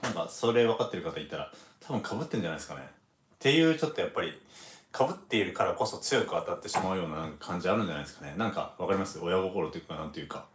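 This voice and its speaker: A man who is a former baseball pitcher hosts a relaxed livestream, chatting casually, reading viewer comments and laughing often. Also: very fast, reverberant, slight background noise.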